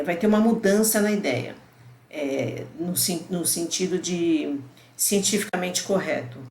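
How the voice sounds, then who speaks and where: A middle-aged woman with a lowish, darkish voice gives a conversational university lecture for an online recording. She explains things step by step and often checks in with the listener, amid roomy echo and faint background noise.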